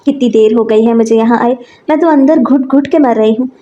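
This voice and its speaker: A woman reading aloud as a meek young second wife in a spoken story, soft and pleading. The voice sits a little high, with a mellow, warm tone. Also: fairly quick, highs cut off, slight background noise, lightly acted.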